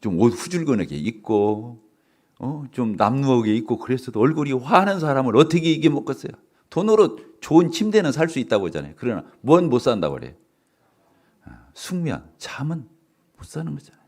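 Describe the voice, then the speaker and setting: Lively preaching man. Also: mid-range voice, brisk. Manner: animated, talks with the congregation and laughs often. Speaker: pastor. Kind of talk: sermon. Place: church sanctuary.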